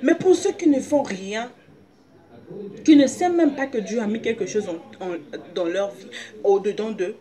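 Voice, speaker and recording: Speaking at a moderate pace in a medium-pitched, dark-toned voice, a woman preacher gives an insistent, personal video sermon. She exhorts listeners, circles back to the same phrases and questions, and frequently searches for words.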